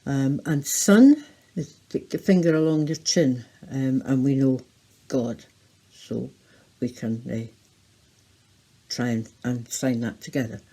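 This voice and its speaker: A woman presenting a children's scripture lesson with signing, deliberate and sing-song as she demonstrates word by word. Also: extremely low pitch, mellow, low-quality recording. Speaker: children's holiday club presenter.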